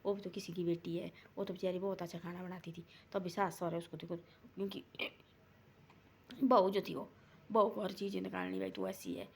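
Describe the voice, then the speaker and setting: Her voice is husky and lowish, with vocal fry, and she delivers it flatly at a normal speed. Casual and rambling, the woman goes over a family folk tale again and again, quoting what each person said.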